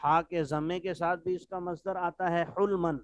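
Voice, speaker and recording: A man's voice: sits high, little pitch movement, smooth, dry recording. A man teaching an online religious lesson, patiently explaining Arabic words and checking in with his students.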